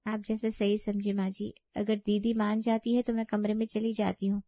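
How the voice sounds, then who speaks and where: A woman voicing a gentle, humble young daughter-in-law who speaks softly in a cartoon. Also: mid-range voice, flat delivery, moderate pace, no room sound, lo-fi sound, voice pushed up, lightly acted. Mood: meek soft. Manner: soft, humble.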